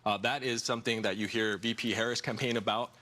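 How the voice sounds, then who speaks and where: Interviewed in a TV studio, this American man in his forties running for Congress speaks quickly in a fairly low, steady, sharp voice. He comes across as earnest, often using fillers and repeating himself.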